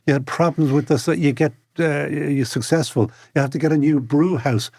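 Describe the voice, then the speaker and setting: A man's voice: a little high, steady tone, normal speed, a little mellow, dry recording, studio quality. A man hosts a conversational interview in short punchy sentences, teasing and dramatising as he goes. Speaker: interviewer, host.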